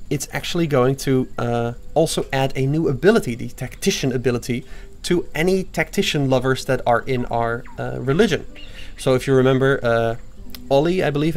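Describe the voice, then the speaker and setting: A young man, a game developer, casually talking through a live stream of his own game, excitable and playful with lots of fillers. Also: medium pitch, a little hiss or hum.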